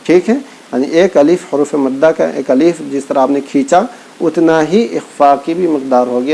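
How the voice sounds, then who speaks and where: Gravelly guy w/ ish teaching quran reading, slow drawn-out syllables, mellow tone. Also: a little high, poor audio. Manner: patient, repeats points, stretches syllables when reciting. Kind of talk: teaching lesson, spelling out letters.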